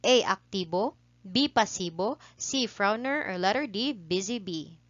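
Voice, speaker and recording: A woman's voice: medium pitch, animated, measured pace, dry recording, muffled recording. A woman teacher with a Filipino accent reads review quiz questions and answers aloud, repeating each answer twice in a polite tone. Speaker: teacher running an exam review.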